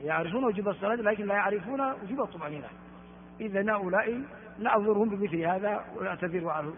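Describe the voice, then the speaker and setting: Brief: male hadith teacher, high voice, explanatory lecture with chanted quotations, thin phone-like sound. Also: quick pace, slight background noise. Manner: explanatory, at times chants quoted words and verses. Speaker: Islamic scholar teaching hadith. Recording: long hall reverb, narrow phone-like sound.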